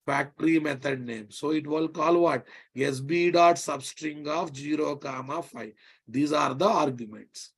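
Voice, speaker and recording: Higher-pitched man teaching, Telugu Indian accent. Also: measured pace, breathy edge. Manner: emphatic, repeats phrases and checks understanding with tag questions. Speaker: programming instructor. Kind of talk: live technical lesson.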